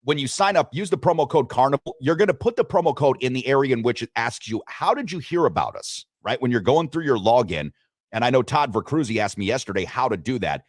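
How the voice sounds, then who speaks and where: A man hosting a sports talk show, talking betting lines with animated delivery and frequent restarts. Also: medium pitch, fast talker, dry recording, studio quality. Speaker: sports radio host.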